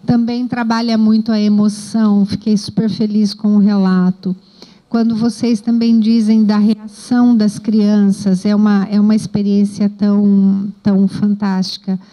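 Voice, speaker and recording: Slow, warm Brazilian woman educator. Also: mid-range voice, flat delivery, low-quality recording. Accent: Brazilian Portuguese. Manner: reflective and encouraging, frequent tag questions. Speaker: educator leading a training. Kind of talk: encouraging workshop feedback.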